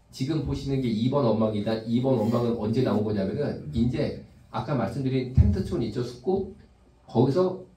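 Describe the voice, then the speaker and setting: A pastor preaches to his congregation in a relaxed, conversational way and often puts questions to the people in the pews. His voice is mellow and sits at a middle pitch. He is heard from some distance in an echoey church sanctuary. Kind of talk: sermon.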